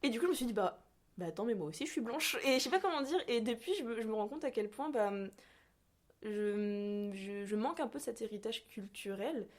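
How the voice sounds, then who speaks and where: A young French woman, a podcast guest, talks in a loose, unscripted conversation at a normal mid-range pitch. She pauses a lot, lets sentences trail away and leans on fillers while she searches for words.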